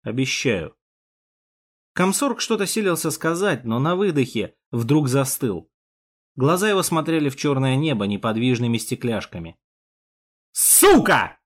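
A man narrating a war story in the first person, expressive and dramatic. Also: mid-range voice, normal speed. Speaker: audiobook narrator.

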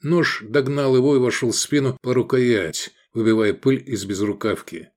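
A man's voice: medium pitch, normal speed. Man narrating an action audiobook. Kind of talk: scripted narration of an action novel.

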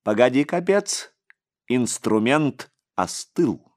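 A man's voice: mid-range voice, animated, takes it slowly, voice pushed up. A man voicing a cold, indifferent male thug with a hissing, menacing delivery. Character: cold lipless gold-toothed male torturer, indifferent.

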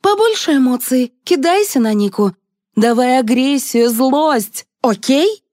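A bossy young TV producer, loud and commanding, played by a woman. She shouts high and sharp, swinging her pitch wildly. The sound is close and dry. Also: sing-song, measured pace, dry recording. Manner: barking orders, brash and loud.

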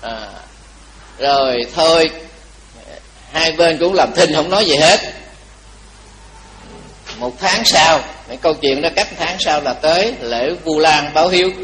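A man giving a Buddhist dharma talk, telling a story lively and asking the audience questions. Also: fairly high pitch, low-quality recording. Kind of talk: storytelling sermon.

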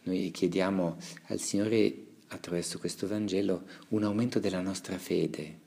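A deep-voiced man delivers a quiet, reflective homily as a priest. His tone is dark and mellow with a gravelly edge. He reads scripture and comments on it at a measured pace, pausing and restarting his phrases as he goes. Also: fairly even intonation. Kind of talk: reflective homily with Gospel reading.

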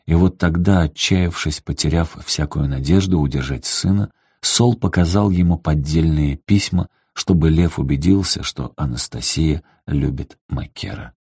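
A male audiobook narrator with a very low, dark, husky voice reading in a steady, measured way. The recording is dry and close. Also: no room sound. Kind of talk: scripted narration.

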